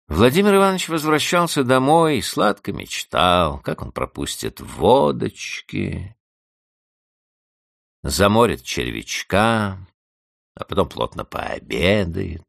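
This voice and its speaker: Deep gravelly male storyteller. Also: slow, long pauses, dry recording, studio quality. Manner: expressive, dramatic storytelling. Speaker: audiobook narrator. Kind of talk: classic story reading.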